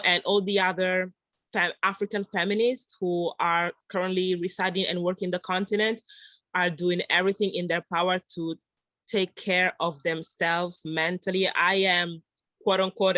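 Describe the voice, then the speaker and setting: A woman from Italy, an audience member, asking an earnest, halting question with many pauses. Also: on the low side, pushed and bright, no room sound.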